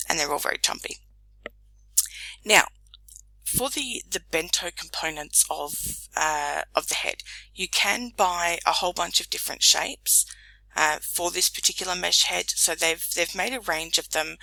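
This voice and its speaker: A woman's voice: fairly low pitch, vocal fry, bright, forceful tone, dry recording, rough recording. A woman giving a casual, rambling product review, with many ums, while losing her voice. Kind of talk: casual screen-recorded review.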